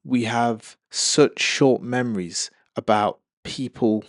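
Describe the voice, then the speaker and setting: A man's voice: mid-range voice, takes it slowly, dry recording, clean studio sound. A man giving opinionated political commentary in an emphatic, exasperated way.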